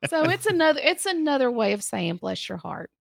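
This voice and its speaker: A woman's voice: high voice, very animated, a little fast, vocal fry, no room sound, clean studio sound. A tired woman from Alabama, co-hosting a casual podcast in a folksy way. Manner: folksy, uses y'all. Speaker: podcast co-host presenting a segment.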